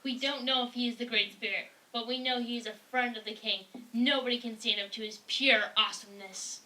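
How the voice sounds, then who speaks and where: A woman's voice: fairly high pitch, steady tone, a little fast, bright, forceful tone. A woman voicing a loyal, awestruck servant sock puppet in an earnest, emphatic amateur performance. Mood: reverent. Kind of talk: amateur puppet show acting. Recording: distant mic with faint noise.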